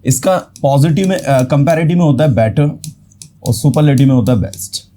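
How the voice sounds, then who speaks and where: A man's voice: mid-range voice, a little fast, warm tone. Man teaching grammar. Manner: explains in Hindi mixed with English, repeats words syllable by syllable. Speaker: English teacher. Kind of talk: classroom grammar lesson at a board.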